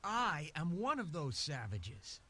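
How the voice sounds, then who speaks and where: A bright, lively young hero. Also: male voice, on the high side, takes it slowly, breathy edge, exaggerated voice. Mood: bargaining. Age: young adult. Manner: polite, then fired-up and listing insults. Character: earnest young male hero on a quest. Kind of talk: game voice acting.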